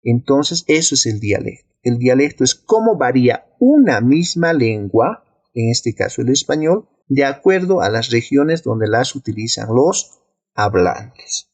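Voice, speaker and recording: A man's voice: mid-range voice, unhurried, dry recording. A man with a Bolivian Spanish accent teaching a video lesson, explaining step by step and posing rhetorical questions. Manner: clear, steady, didactic delivery with rhetorical questions.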